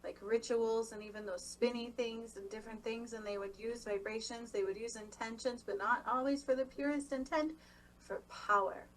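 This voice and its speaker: A woman's voice: a little high, steady tone, normal speed. Woman guiding spiritual session, distant noisy mic. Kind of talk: guided spiritual channeling session. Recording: distant microphone, constant background noise.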